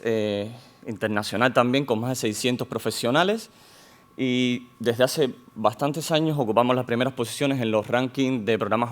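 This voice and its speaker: A conference speaker with a mid-range voice delivers a technical presentation in a hall, speaking Spanish with a foreign, non-Spanish accent. He is measured and hesitant, often filling pauses and beginning sentences again.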